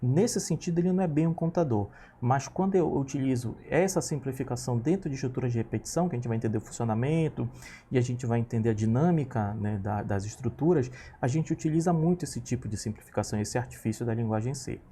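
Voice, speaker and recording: This screen-recorded programming lesson features a man in his thirties, medium in pitch and dark in tone, moving at a quick pace. He patiently explains every step and checks in with his students, with a slight hiss or hum audible.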